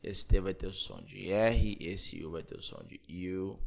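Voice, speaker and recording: A man from Brazil teaching English pronunciation, repeating each word slowly and checking in with playful asides. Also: low-pitched, huge pitch swings. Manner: repeats words slowly and clearly, asks "beleza?" often. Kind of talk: Portuguese-spoken English pronunciation lesson.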